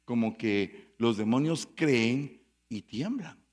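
A man preaching a sermon as pastor, telling stories dramatically with sudden loud bursts and quiet asides. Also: medium pitch, animated, slow pace.

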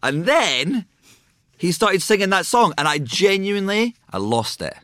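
A man's voice: high-pitched, big pitch swings, unhurried, fairly bright tone, no echo, clean studio sound. A man co-hosting a podcast, rambling enthusiastically in casual chat. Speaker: podcast co-host.

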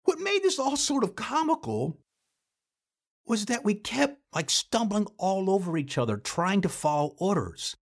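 A man telling his own story in a casual podcast, animated and freely swearing. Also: high voice, measured pace. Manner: animated, swears freely, acts out shouted drill orders. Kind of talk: casual first-person storytelling.

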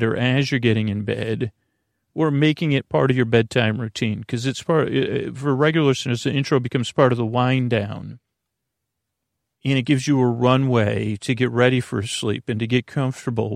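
A sleep podcast host chats in a meandering, digressive monologue, halting often and trailing off mid-sentence. His gravelly, creaky voice sits at medium pitch, captured in clean studio sound with no room tone.

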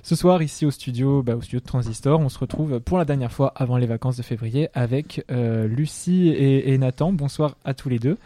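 Relaxed male radio host, mellow voice. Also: mid-range voice, a little fast, few pauses, no echo. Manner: relaxed, with filler hesitations. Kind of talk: scripted show introduction. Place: radio studio. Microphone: studio microphone.

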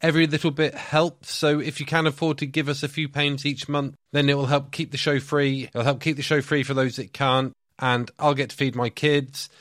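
A man's voice: medium pitch, level tone, normal speed, few pauses, a bit bright, dry recording, studio quality. A man hosting a casual podcast interview, chatty and joking, appealing to listeners and asking questions. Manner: chatty, conversational, self-deprecating jokes. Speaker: podcast host.

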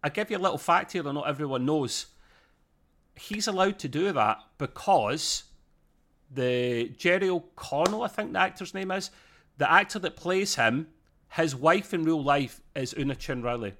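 A man's voice: fairly high pitch, expressive, moderate pace, fairly bright tone. A man with a British accent co-hosting a podcast, chatting casually in a rambling, self-interrupting way. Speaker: podcast co-host. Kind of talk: casual review chat.

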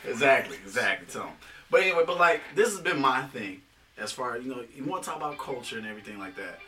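A man's voice: mid-range voice, animated, fast talker, pushed and bright, recorded from a distance, faint music behind. A man in casual podcast chat who teases himself for sounding like an old man while pressing his opinions emphatically. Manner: self-mocking, emphatic about his opinions. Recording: a bit off-mic with faint room noise.

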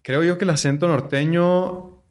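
A man from Chihuahua with a northern Mexican accent, an actor guest talking in a relaxed podcast chat, reflective and full of fillers and restarts. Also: a little high, normal speed. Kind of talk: casual podcast conversation.

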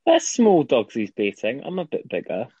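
A man co-hosting a podcast, wry and quick to laugh in casual chat. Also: medium pitch, wildly swooping pitch, dark tone, breathy edge, no room sound. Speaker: podcast co-host. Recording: dull lo-fi dry recording.

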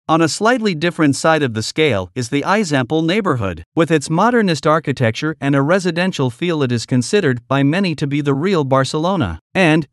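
Male travel podcast host, slightly high voice, reading a guide script in a chatty, listener-directed way. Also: no room sound, studio quality.

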